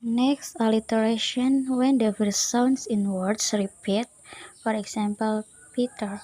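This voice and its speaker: A woman giving a student class presentation, reading slowly and hesitantly from her notes with small fillers. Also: fairly high pitch, fairly even intonation, warm tone, low-quality recording.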